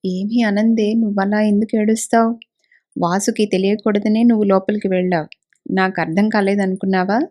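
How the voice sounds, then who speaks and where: A woman reading the part of a kindly middle-aged male village doctor, speaking gently and reassuringly. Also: medium pitch, little pitch movement, normal speed, lightly acted. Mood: caring. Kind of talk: audiobook character reading.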